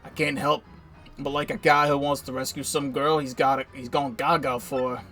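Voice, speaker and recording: A man voicing a gruff, menacing mob boss from a video game in a lowered, quietly threatening voice. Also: little pitch movement, faint music behind, close to an everyday voice. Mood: scheming. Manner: low, slow, quietly threatening.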